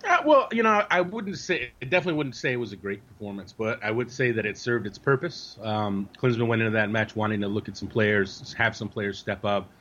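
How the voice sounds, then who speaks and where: A man's voice: on the low side, a little fast, hardly any pauses, fairly bright tone, muffled recording. A man co-hosting a sports podcast, talking casually and teasingly, repeating phrases as he builds his point. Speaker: sports podcast co-host and soccer analyst. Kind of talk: casual conversational commentary.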